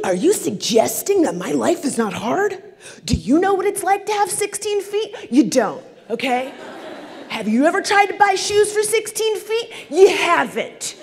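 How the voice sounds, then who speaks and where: Woman doing a loud, indignant bro caterpillar. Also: high-pitched, pitched above the performer's own voice, heavily acted. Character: self-absorbed, bro-ish male caterpillar. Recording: long reverb of a conference hall.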